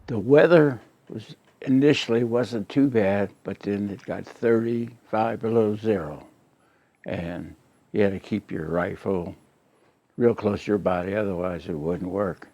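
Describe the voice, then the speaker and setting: An elderly American man, a war veteran, remembering his service aloud in halting, plainspoken, unscripted recollection. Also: fairly low pitch, mellow, dry recording, lo-fi sound. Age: elderly, late 80s or older.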